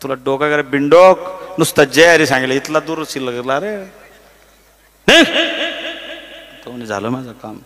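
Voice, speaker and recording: Bright-voiced man preaching a kirtan. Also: fairly high pitch, moderate pace, long pauses. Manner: lively storytelling that breaks into chanted verses. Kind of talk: devotional kirtan sermon with storytelling and chanting. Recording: reverberant hall.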